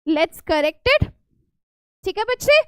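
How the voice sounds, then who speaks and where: A woman's voice: extremely high pitch, very animated, rapid-fire, dry recording. A woman with a North Indian accent teaching a live revision lesson as a school science teacher, repeating key phrases and often checking in with students.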